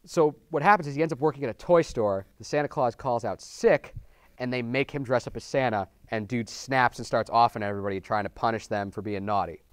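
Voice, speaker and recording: A man co-hosting a movie talk show, riffing on films and calling out to viewers as folks. He talks fast, and the sound is dry and close. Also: medium pitch, clean tone, no echo. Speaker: film show co-host. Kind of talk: casual movie review chat.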